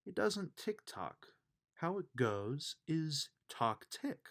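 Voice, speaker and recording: A man reading a rhyming children's bedtime book aloud in an expressive, sing-song way. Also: fairly high pitch, takes it slowly.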